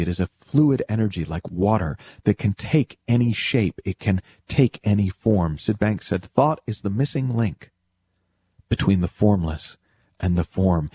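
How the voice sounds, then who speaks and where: A man's voice: lowish voice, warm tone, slightly rough, no room sound. A man giving an explanatory motivational talk, speaking to the listener directly with emphatic phrasing and rhetorical questions. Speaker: speaker teaching spiritual principles.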